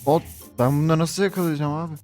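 A young man with a Turkish accent talks through a Minecraft let's play in a slightly high voice. He gets excitable fast, yelping and shouting orders at his pet dog. Faint game music plays beneath him. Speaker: gaming YouTuber.

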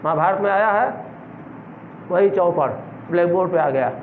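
High-voiced man teaching slowly, tinny recording. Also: echoey room. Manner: slow, drawn-out syllable-by-syllable spelling. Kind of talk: classroom reading lesson. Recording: tinny phone-like recording with faint hiss.

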